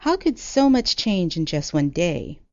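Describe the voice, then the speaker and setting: A woman's voice: lowish voice, big pitch swings, a little slow, no echo. A woman voicing a brave young male warrior who speaks earnestly. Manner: earnest, insistent. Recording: dull lo-fi audio.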